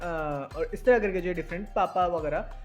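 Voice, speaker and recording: A man's voice: high-pitched, moderate pace, faint music behind. A young man teaching in a casual discussion, explaining step by step and often checking that listeners follow. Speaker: teacher explaining language acquisition.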